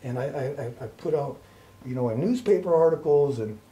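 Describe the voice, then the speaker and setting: A middle-aged man, a guest in an interview, casually tells a personal story in an animated way, acting out the voices of people he quotes. His voice is a little high and fairly quick, with a bit of hiss or hum in the background.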